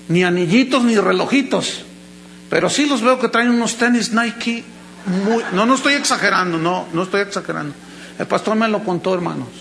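A man's voice: high-pitched, a bit bright, slight background noise, low-quality recording. A man preaching a sermon, telling stories animatedly and acting out the voices of the people he quotes. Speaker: pastor.

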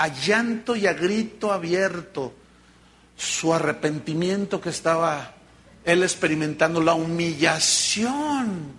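High-voiced, bright preaching man. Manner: storytelling, animated retelling. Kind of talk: sermon.

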